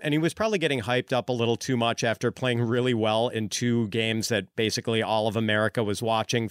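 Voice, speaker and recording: Smooth-voiced man breaking down football. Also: mid-range voice, fairly bright tone, no echo, clean studio sound. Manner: thoughtful, lots of fillers like uh and um. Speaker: fantasy football analyst. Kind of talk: casual sports chat.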